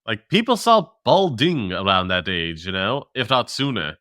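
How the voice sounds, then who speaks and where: A man's voice: on the low side, normal speed, dry recording, clean studio sound. A man co-hosting a tech podcast, chatting casually and moving the talk along to the next segment. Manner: animated, leads the segments. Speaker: podcast co-host. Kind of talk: casual chat.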